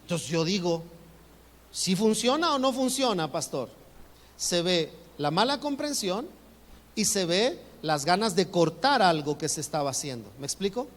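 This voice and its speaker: A man preaching a sermon as pastor, animated, acting out his congregants' voices. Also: normal speed. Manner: animated, acts out congregants' voices with rising pitch. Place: church sanctuary. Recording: reverberant church hall, faint ambience.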